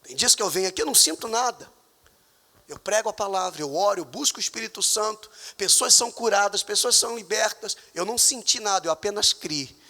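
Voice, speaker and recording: A man with a Brazilian Portuguese accent preaching a sermon as pastor in a church, with emphatic, sudden loud high outbursts. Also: a little fast, creaky, long reverb tail. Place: church hall.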